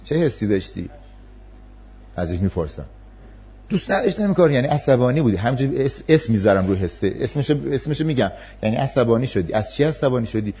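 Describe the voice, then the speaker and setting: A man's voice: medium pitch, very animated, dark tone, husky. A man giving an explanatory talk to an audience on parenting and empathy, acting out parent and child voices in his examples.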